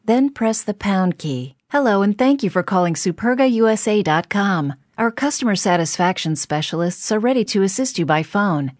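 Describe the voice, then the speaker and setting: A woman reads phone-menu prompts in a clear, measured, polite tone. Her voice sits at an ordinary middle pitch. The sound is dry and close. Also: lively intonation, no room sound. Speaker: phone system voice.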